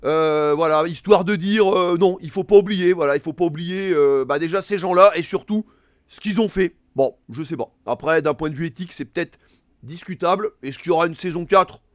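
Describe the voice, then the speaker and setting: A man's voice: on the high side, fairly quick, dry recording, clean studio sound. A man casually reviewing films and series, rambling with many fillers and restarts. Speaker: film reviewer. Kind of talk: casual film review monologue.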